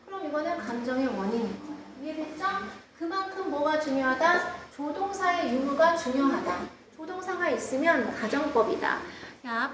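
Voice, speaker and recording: A woman's voice: sits high, fairly bright tone. A middle-aged woman teaching an English grammar lesson to a class. She explains step by step, tells the students to take notes and talks to them along the way. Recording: echoey classroom recorded from a distance with background noise.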